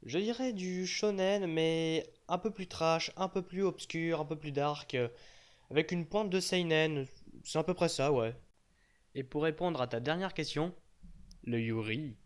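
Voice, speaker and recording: Young male host reading fan questions aloud, slightly higher voice, cheeky deadpan jokes. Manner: joking, teasing, with mock-serious asides. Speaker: page admin answering fan questions. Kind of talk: casual FAQ voice-over. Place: unseen voice-over.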